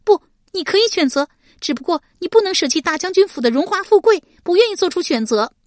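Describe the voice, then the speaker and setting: A woman voicing an angry young swordswoman in a storybook reading, sharp and loud. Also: very high voice, big pitch swings, fast talker, no room sound, clean studio sound, pitched above the performer's own voice. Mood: furious. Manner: sharp, shouting in anger.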